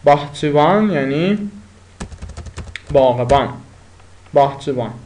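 Male tutor with a slightly high voice, drilling vocabulary through repetition and chatty asides. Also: animated, darkish tone, slight background noise. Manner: repeats each word slowly, explains with pauses and fillers. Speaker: language teacher. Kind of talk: spoken language lesson.

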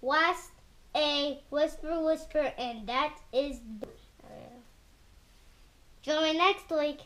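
A woman's voice: sits high, slow, a bit bright. A woman hosting a children's book read-aloud, reading carefully and imitating the sounds in the story. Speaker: host reading a picture book.

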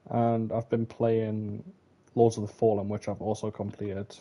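A man's voice: lowish voice, flat delivery, measured pace, mellow. A man casually commenting on a horror game he plays, rambling with many fillers and wry remarks. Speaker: gameplay commentator. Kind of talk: casual let's-play commentary.

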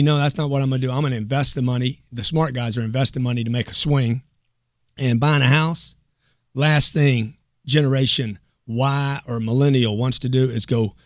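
A man hosting a motivational talk show, loud and pushy with a hyped salesman delivery. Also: medium pitch, no room sound, clean studio sound. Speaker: show host.

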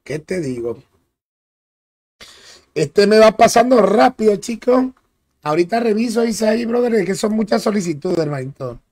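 A man's voice: high-pitched, expressive, normal speed, pauses often, darkish tone. A young man streaming a game live, chatting in a laid-back way, repeating himself and greeting viewers by name. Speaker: gaming streamer.

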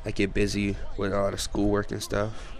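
A man's voice: fairly low pitch, completely flat delivery, moderate pace, gravelly, faint music behind. A teenage boy chatting casually over his basketball video game, hyped and talking straight to viewers. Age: teens. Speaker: gamer. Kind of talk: casual gameplay commentary.

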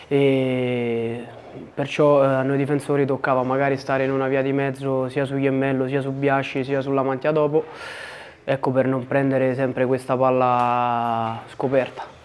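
A young male defender giving a post-match press interview, measured and hesitant, with frequent fillers and restarts. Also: mid-range voice. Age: young adult. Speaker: footballer, defender. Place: indoor press area at a stadium. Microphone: several broadcaster handheld mics at close range.

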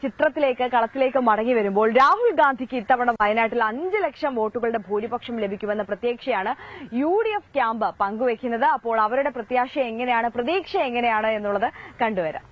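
A woman's voice: a little high, fairly quick, dull audio. A young woman anchoring a live news broadcast, putting questions to a reporter and ending them with tag questions.

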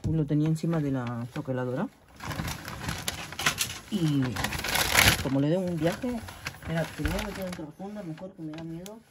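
A woman's voice: sits low, moderate pace, long pauses, very noisy. A woman with a Spanish accent, chatting animatedly to her followers while unboxing a gift at home, laughing often. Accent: Spain. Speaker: craft vlogger. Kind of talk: casual chat unboxing a gift. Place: at home in her craft room. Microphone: laptop mic.

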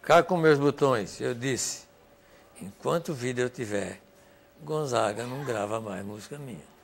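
A man's voice: mid-range voice, measured pace, gravelly, slight background noise. An older man with a Northeastern Brazilian accent, a songwriter telling stories and acting out the dialogue as he goes. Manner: animated, acts out dialogue and sings snippets. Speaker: songwriter giving testimony. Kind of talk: storytelling testimony.

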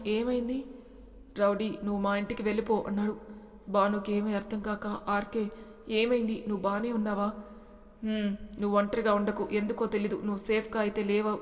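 Woman storyteller, voices every character, flat steady delivery, long reverb around the voice. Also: medium pitch. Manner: emotional, voices characters with rising intensity. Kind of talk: dramatic storytelling, voicing all characters.

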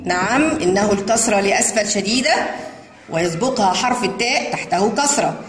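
A woman teaching young children to read, spelling out words in long drawn-out sounds. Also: medium pitch, expressive, faint music behind. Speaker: kindergarten Arabic teacher. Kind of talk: children's reading lesson. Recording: echoey room with long reverb and faint noise.

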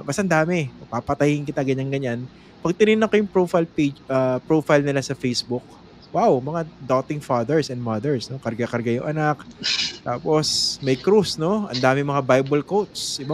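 A male host talks reflectively in a mid-pitched voice, thinking aloud and checking in with short tag questions. A faint noise sits beneath his voice. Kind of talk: conversational interview.

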